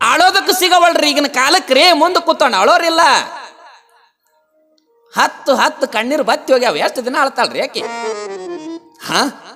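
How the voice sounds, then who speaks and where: A man with a North Karnataka Kannada accent preaching a devotional sermon on a temple stage, singing verse lines slowly and explaining them in lively colloquial asides. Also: very high-pitched.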